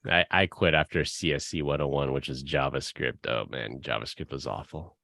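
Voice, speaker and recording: A man's voice: very deep voice, moderate pace, gravelly, bright, forceful tone, a little hiss or hum. A man co-hosting a podcast, trading jokes in casual banter. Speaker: podcast co-host. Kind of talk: casual joke-telling banter.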